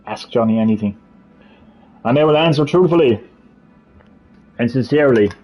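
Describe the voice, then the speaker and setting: A livestream host from Ireland with a Cork accent jokes, rants and swears freely in a casual stream. His mid-range voice is expressive and moderately paced, with faint music behind and slightly muffled audio.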